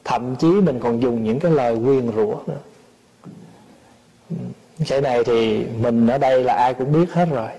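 A man's voice: medium pitch, moderate pace, warm tone, breathy edge, highs cut off. A man giving a Buddhist dharma talk, patiently explaining a sutra with everyday examples and questions. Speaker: Buddhist teacher. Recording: long hall reverb.

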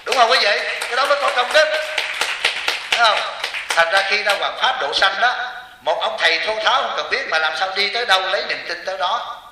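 A man's voice: high-pitched, brisk, far from the mic, noisy background. A man preaching as a Buddhist monk to lay followers, joking and often asking the audience rhetorical questions. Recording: echoey hall with long reverb.

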